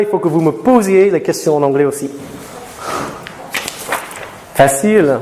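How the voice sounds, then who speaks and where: High-voiced lecturer in a reverberant hall. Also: male voice. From Florida. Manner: lively, switches to slow deliberate English for learners. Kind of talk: classroom talk to students. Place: lecture room. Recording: reverberant hall with faint noise.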